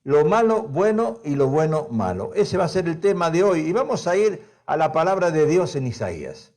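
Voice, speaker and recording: Lively high-voiced preaching man. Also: normal speed. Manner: animated preaching, prompting the congregation to respond; emphatic, repeats key phrases. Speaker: pastor. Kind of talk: sermon.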